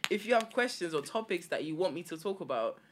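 Young London woman with a low-key earnest delivery. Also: lively intonation, fast, slight background noise. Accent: British, London. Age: young adult. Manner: earnest, opinionated, slangy. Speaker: podcast guest. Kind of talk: casual podcast discussion.

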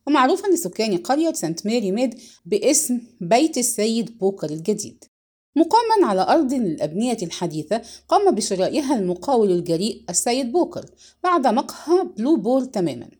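A woman narrating a novel in a measured, expressive reading. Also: on the high side, breathy edge. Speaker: audiobook narrator. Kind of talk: scripted narration.

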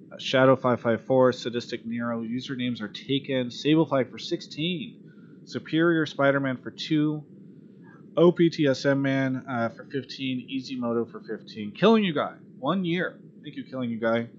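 On a live esports call-in show, the male host speaks at normal speed in a medium-pitched voice with fairly even intonation. His chat is casual and blunt, peppered with swearing and exasperation, and the lo-fi recording sounds dull, with noticeable background noise.

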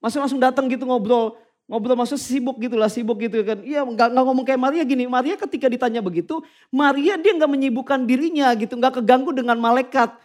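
A man preaching a sermon, animated, reading verses slowly and speaking directly to his listeners. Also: extremely high pitch.

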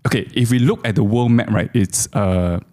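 A man's voice: lowish voice, normal speed, mellow. A man explains things as a co-host. His delivery is casual and conversational.

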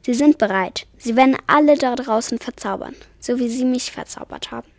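A protective vampire friend, voiced by a woman reading aloud, speaks in a firm, determined manner. This is a storybook reading with a fairly high voice and a dry, close sound. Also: fairly quick, no room sound, lightly acted. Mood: gentle. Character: loyal male vampire friend, protective and fierce.

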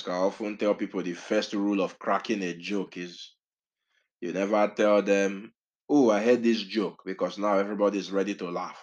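A man's voice: fairly low pitch, highs cut off. A man giving an informal Bible teaching in a conversational, self-correcting way.

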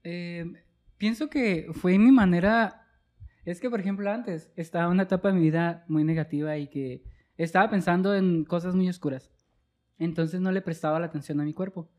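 A woman's voice: fairly low pitch, normal speed, mellow. A woman guest talking earnestly and at length about passion, change and life plans in a casual interview. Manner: earnest, motivational, long flowing explanations. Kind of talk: reflective conversational talk.

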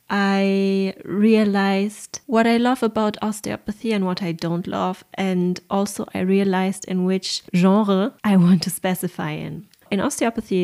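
A woman's voice: fairly low pitch, a little mellow. German-accented woman hosting a podcast. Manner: earnest, open, occasional light laughs. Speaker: podcast host and osteopath. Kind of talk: personal podcast monologue.

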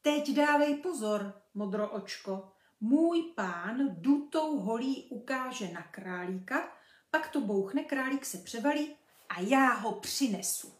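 A woman's voice: on the high side, expressive, natural voice. A woman voicing a friendly, boastful male hunting dog who is eager to show off, in a children's storybook reading. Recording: roomy, from a distance.

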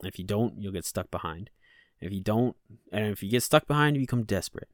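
A man's voice: lowish voice, lively intonation, fairly quick, no echo, clean studio sound. A man hosting a solo podcast, talking bluntly and with profanity as he rants about self-responsibility. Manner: blunt and profane, ranting with rising frustration. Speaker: podcast host. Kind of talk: casual solo podcast monologue.

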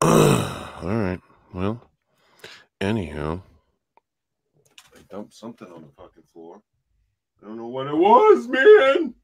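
A man with a deep voice hosting a podcast in casual, profane, drawling banter into a studio microphone. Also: huge pitch swings, slow, long pauses. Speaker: podcast host.

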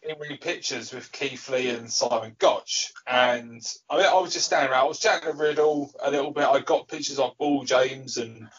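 A man's voice: medium pitch, moderate pace, hardly any pauses, a bit bright. British man, rambling, stop-start storytelling, muffled audio, faint hiss. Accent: British English. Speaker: podcast co-host. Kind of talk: casual chat.

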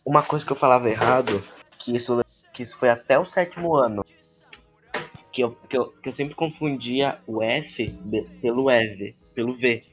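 A man's voice: mid-range voice, moderate pace, faint music behind. Young male co-host, rambling anecdote-teller, muffled recording. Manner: rambling storyteller with many fillers. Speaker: podcast co-host. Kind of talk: casual podcast chat.

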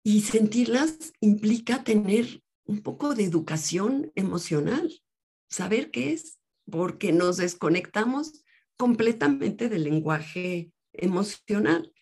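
A woman therapist, a guest on an interview show, explaining things in a measured, teaching way. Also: medium pitch, animated, a little mellow, husky. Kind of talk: calm explanatory interview talk.

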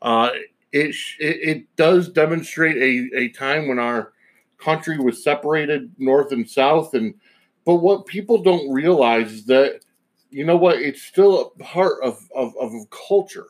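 A man's voice: a little high, unhurried. A man hosting a podcast alone, giving a casual opinion monologue in a rambling, digressive way. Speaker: podcast host.

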